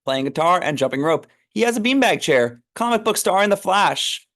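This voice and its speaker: A man's voice: sits high, animated, moderate pace, fairly bright tone. A man narrating a script read, reading stage directions aloud in an informal, amused way.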